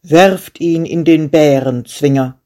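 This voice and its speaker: A storyteller voicing a proud, angry king in a fairy tale, who shouts his commands. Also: mid-range voice, slow pace, natural voice. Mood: furious. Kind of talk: storybook character voice.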